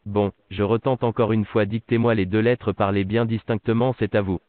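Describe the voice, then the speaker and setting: A man's voice: fairly low pitch, fairly even intonation, moderate pace, no room sound. A synthetic male voice playing an automated customer service voicebot that speaks polite, formulaic prompts over a phone line. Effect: synthetic text-to-speech voice. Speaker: virtual customer service agent. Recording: tinny dry phone line.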